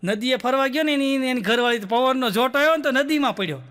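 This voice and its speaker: A man telling stand-up jokes, acting out the dialogue in quick voices. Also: extremely high pitch, fairly bright tone. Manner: storytelling with quick voiced dialogue, "બોલો" tags. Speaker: stand-up comedian.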